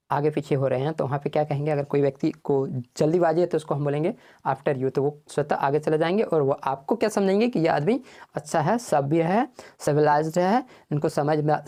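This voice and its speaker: A man giving a spoken English lesson. He asks the class questions, answers them himself and says English phrases slowly, word by word. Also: on the high side, dark tone.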